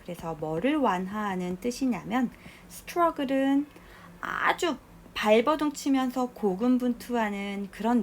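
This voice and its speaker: A woman teaching an English reading lesson for a college entrance exam, reading English sentences slowly and explaining them briskly. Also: medium pitch, gravelly. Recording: faint background noise.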